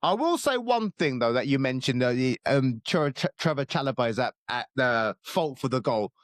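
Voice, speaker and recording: Fired-up football fan. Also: male voice, medium pitch, lively intonation, normal speed, no echo, studio quality. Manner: passionate, fired-up, casual slang. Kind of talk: casual football chat.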